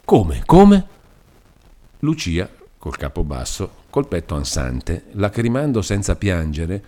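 A man reading a classic novel aloud as an audiobook narrator, with expressive, measured storytelling. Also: deep voice.

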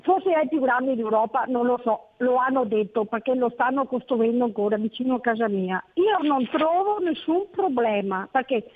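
Woman caller on a tinny phone line, high voice, from Veneto, rambling and halting. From Veneto, northern Italy. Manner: rambling, halting with repeated words. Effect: over the phone. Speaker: radio call-in listener. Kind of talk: casual call-in chat.

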